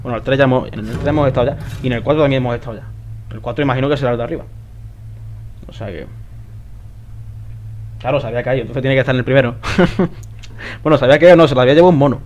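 A man doing casual let's play commentary, talking to himself, swearing often, with sudden excited outbursts. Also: mid-range voice, very fast, long pauses, muffled recording, slight background noise. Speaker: gameplay commentator.

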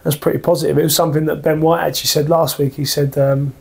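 A man in his thirties speaks in a gravelly, rather flat voice, talking earnestly through a post-match interview. He keeps restarting his sentences and filling pauses as he works through his points. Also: on the high side. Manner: earnest, full of restarts and fillers. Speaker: football manager. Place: small office with framed football shirts.

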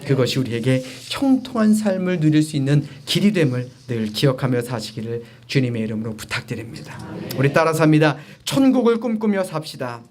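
A man's voice: medium pitch, lively intonation, brisk, background noise. A man, a pastor, preaching a sermon, exhorting the congregation directly and swelling his voice on key phrases.

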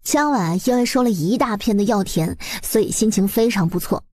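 A woman's voice: medium pitch, expressive, brisk, a little mellow, no room sound, clean studio sound. A woman narrating a webnovel story expressively, in a colloquial, dramatizing storyteller's manner.

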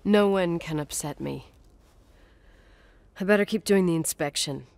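A woman's voice: lowish voice, measured pace, vocal fry, darkish tone, no echo. An actress playing a blunt, defensive young woman who swears and answers curtly, in video game dialogue. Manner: curt and swearing.

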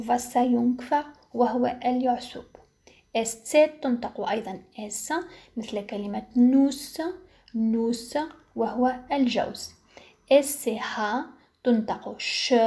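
Female teacher, high voice, very unhurried delivery, repeats each word carefully. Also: a little mellow. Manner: spells out letters and repeats example words. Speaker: language teacher. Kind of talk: slow explanatory lesson.

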